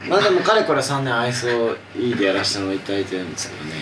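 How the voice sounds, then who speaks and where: A man in casual group banter, throwing in quick, sarcastic remarks. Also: mid-range voice, big pitch swings, distant mic, heavy background noise. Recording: roomy echo, loud music behind.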